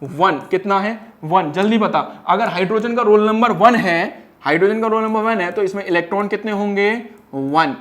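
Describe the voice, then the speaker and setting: A man teaching an energetic one-shot lesson in a playful, teasing way. He fires quiz questions, answers them himself and stretches phrases into a singsong. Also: high voice, a little fast, hardly any pauses. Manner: drags words out in a singsong way.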